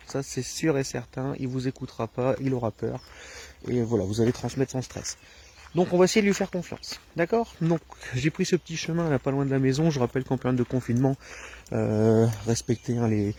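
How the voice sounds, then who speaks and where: A man explaining dog training outdoors on a rural path, talking to viewers in a relaxed way with many hesitations, filmed alone on a handheld camera. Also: mid-range voice, a little hiss or hum. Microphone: camera filming alone, held himself.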